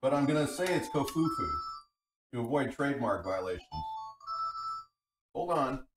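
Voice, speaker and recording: A man's voice: medium pitch, lively intonation, moderate pace, music in the background. A man hosting a casual live cooking stream, rambling in a folksy way, recorded on a tinny computer microphone. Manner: rambling, folksy, breaks off to read chat. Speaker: livestream cooking host. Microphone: computer microphone, away from the mouth. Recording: tinny computer mic, distant, background noise.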